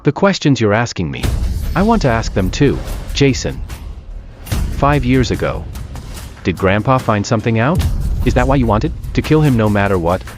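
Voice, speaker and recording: An actor playing a wronged, injured young husband in overacted dubbed melodrama. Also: male voice, mid-range voice, very animated, moderate pace, lightly acted. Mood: bitter, accusing. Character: wronged injured young husband and grandson, bitter yet gentle. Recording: music behind the voice.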